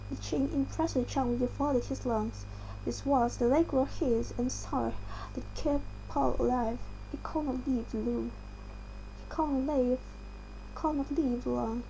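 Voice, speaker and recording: A woman's voice: high-pitched, gravelly, dark tone, slight background noise, low-quality recording. A woman with an Indonesian accent reads an article aloud, carefully and with the odd stumble over words. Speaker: reader.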